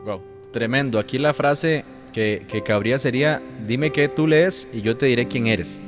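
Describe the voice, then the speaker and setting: A male interview host, responsive and quick with short exclamations, asking his guest questions at a mid pitch. Clear guitar music plays behind his voice. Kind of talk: conversational interview.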